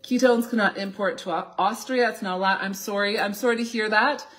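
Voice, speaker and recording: A woman's voice: medium pitch, fairly even intonation, brisk, fairly bright tone. A woman in her thirties with a slight cold, explaining things as a doctor on an informal live Q&A. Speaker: naturopathic doctor hosting a live Q&A. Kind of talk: informal live question-and-answer talk. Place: small indoor office, seated at a desk.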